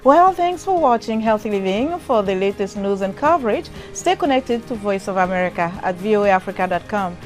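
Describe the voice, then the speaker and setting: A woman presenting a news health program, clear and steady. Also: mid-range voice, brisk, few pauses, faint music behind. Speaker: news host.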